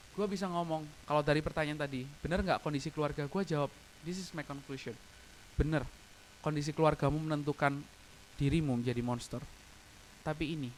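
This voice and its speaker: A man's voice: medium pitch, slight background noise, poor audio. A young man preaching a casual, personal youth sermon at an online church service, speaking in slang, slipping in English phrases and growing tearful at times. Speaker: youth pastor.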